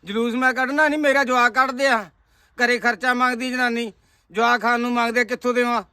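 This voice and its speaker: A man's voice: extremely high pitch, little pitch movement, fairly quick, sharp tone, dry recording, full character voice. A man playing a desperate male farmhand who keeps threatening to take his own life. He speaks, repeats the same threats insistently, and acts in an amateur village drama. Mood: aggrieved.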